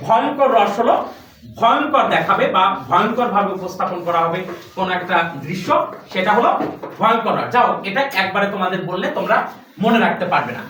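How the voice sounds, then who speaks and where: In a classroom lined with benches, a recitation teacher patiently drills a class of children on pronunciation, quizzing them with the same questions again and again. The voice is mid-range and a bit bright, with slight hiss or hum. The room is very echoey and the mic sits far away.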